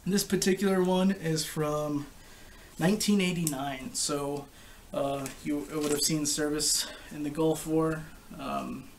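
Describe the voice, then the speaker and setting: A young adult man talks through gear in a casual review, explaining it informally and haltingly. His voice has a gravelly, creaky edge and sits slightly high for a man. It is picked up by a camera mic some way off, with faint noise in the room. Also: steady tone, distant mic. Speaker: gas mask collector and reviewer. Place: living room couch, indoors. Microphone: camera a short distance away.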